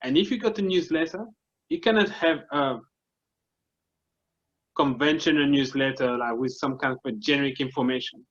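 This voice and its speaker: A marketing consultant guest with a Congolese French accent talks at normal speed in a mid-range voice, pausing often, with the highs cut off. Earnest and methodical, he explains his ideas step by step in casual interview conversation, often beginning sentences again.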